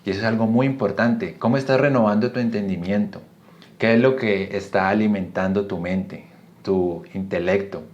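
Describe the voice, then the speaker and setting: A man's voice: on the low side, moderate pace, a little mellow, dull audio. A man with a Colombian Spanish accent teaching a recorded Bible study, earnest and explanatory, often putting questions to the listener.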